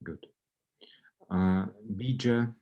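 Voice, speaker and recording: A man moderates an online alumni video call, calling on people one by one with lots of hesitant fillers. His voice is lowish and very slow. Picked up by a video call microphone, it has a phone-quality sound.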